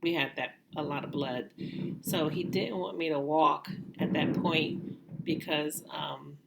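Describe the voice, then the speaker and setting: Middle aged lady vlogging casually, really creaky low voice, kinda halting as she tells her story. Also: fairly even intonation, heavy background noise. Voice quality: gravelly, creaky voice. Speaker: vlogger recounting own surgery.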